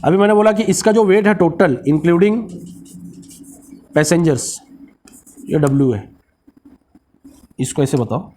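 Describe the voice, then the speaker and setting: A man's voice: a little high, expressive, measured pace, pauses often, warm tone, slight background noise. A man teaching a physics lecture with a Marathi-influenced Hindi accent. He mixes English technical terms into his speech, asks the class questions and answers them himself.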